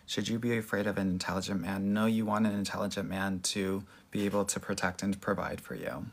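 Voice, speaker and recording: A man with a Southern Californian Valley accent hosts a casual live question-and-answer chat, giving dating advice in a sassy, slangy way with a husky, gravelly voice. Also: low voice, steady tone, brisk. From Southern California, United States. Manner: sassy, slangy, addresses viewers as girl.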